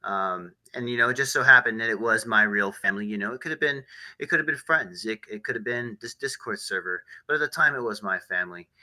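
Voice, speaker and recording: Man, podcast host, very bright tone, lowish voice, halting, lots of fillers. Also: poor audio. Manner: halting, many fillers and restarts. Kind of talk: casual discussion podcast.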